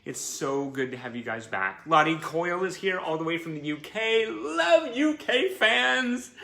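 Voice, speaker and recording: Gushing and encouraging, the man hosting this casual fan livestream has a fairly high, sing-song voice that's gravelly with a sharp edge, and he's in no hurry. He streams live online from an indoor room. There's a roomy echo and faint noise in the background.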